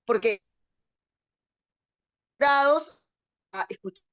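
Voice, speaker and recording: A woman's voice: sits high, lively intonation, very slow, a bit bright. A woman from Peru, speaking earnestly in an online seminar while her audio breaks up over a bad connection. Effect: choppy audio, breaking up over a bad connection. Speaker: seminar participant. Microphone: video call. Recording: muffled online call audio.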